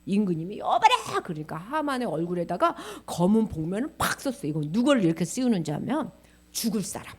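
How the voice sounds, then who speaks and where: A woman's voice: mid-range voice, very animated, fast talker, a little mellow, husky. A woman telling a Bible story expressively in a sermon, often asking her listeners questions.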